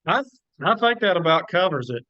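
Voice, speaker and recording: A man's voice: sits high, big pitch swings, a little fast, sharp tone, dry recording, highs cut off. A man from Southeast Missouri with a Southern US drawl, chatting casually in a folksy way. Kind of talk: casual chat.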